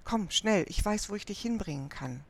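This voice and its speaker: Eine Frau, die in einem Hörbuch einen jungen, beschützenden Ritter spricht, leise und drängend. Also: female voice, mid-range voice, animated, moderate pace, creaky. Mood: hushed urgent. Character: young male knight, protective and urgent.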